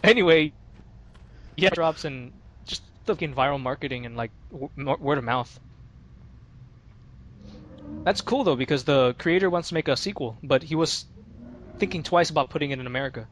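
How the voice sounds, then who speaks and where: A man's voice: a little high, moderate pace, long pauses, a bit bright, slight background noise. Laid-back man chatting over a game. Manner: laid-back, swears a lot, many fillers. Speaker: let's play commentator. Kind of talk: casual gaming chat.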